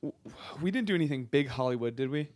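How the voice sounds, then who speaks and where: A man's voice: medium pitch, expressive, fast talker, a little mellow. A man in his thirties hosting a casual film podcast, telling stories in a rambling, laughing way. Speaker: podcast host.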